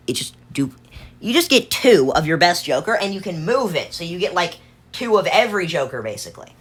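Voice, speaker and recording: A woman with a strikingly low voice talks through a gaming tier list, thinking out loud. Her delivery wanders and restarts, full of fillers, while her pitch rises and falls in a lively, animated way. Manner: rambling, thinks aloud with many fillers and restarts. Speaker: gaming video creator. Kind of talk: casual tier-list commentary.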